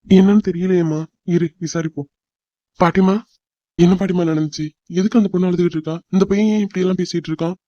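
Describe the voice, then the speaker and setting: A man's voice: high voice, fairly even intonation, fast, warm tone, no echo, muffled recording, close to an everyday voice. A man voicing a kindly old grandfather in a cartoon drama, asking questions in a concerned way.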